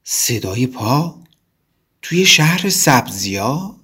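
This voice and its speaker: A man's voice: on the high side, very animated. A man voicing a frightened little boy asparagus in a storybook. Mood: scared. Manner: frightened, whispering under breath.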